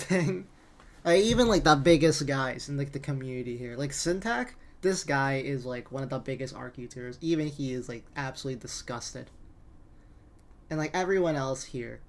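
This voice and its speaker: A man's voice: medium pitch, a little mellow. A man giving a casual, exasperated rant as gaming commentary, incredulous and prone to swearing.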